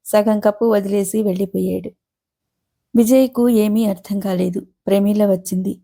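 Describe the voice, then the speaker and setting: A woman narrates a novel in a measured storytelling manner. Her voice is mellow and dark. Its pitch sits in an ordinary middle range. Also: steady tone, vocal fry. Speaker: audiobook narrator. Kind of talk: reading a novel aloud.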